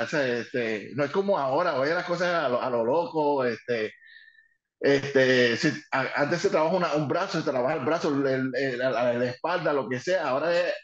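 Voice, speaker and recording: An older man, a former wrestling manager telling lively stories and slipping English phrases into his talk. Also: mid-range voice. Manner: lively, mixes in English phrases, many restarts. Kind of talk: animated anecdote telling. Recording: dull, roomy recording.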